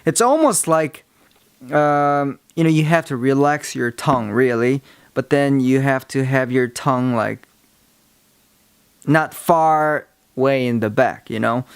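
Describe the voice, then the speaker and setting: A man giving a casual how-to lesson, explaining things in a halting, rambling way. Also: medium pitch, clean tone, no echo. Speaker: tutorial presenter. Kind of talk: casual instructional talk.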